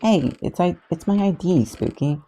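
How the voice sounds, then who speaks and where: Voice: medium pitch, expressive, moderate pace, warm tone, a little hiss or hum, pitched above the performer's own voice, natural voice. A podfic reader voicing Green Lantern, a cocky young man who wisecracks flippantly. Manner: flippant, joking. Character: cocky wisecracking young male space cop.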